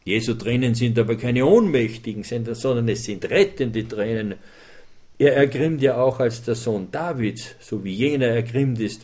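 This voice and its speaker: Fervent male preacher, mid-pitched voice. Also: dark tone. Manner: fervent, rising for emphasis on scripture quotes. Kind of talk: sermon.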